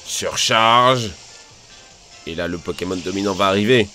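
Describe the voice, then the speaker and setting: A man giving gameplay commentary, excitable, loudly exclaiming and complaining as he plays. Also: fairly high pitch, moderate pace, soft background music. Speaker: gaming YouTuber.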